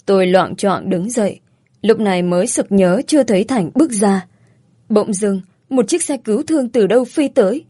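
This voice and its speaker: Woman narrator, first-person audiobook story, earnest and emotional, medium pitch, dry close sound. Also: normal speed, dark tone, slightly rough, no echo.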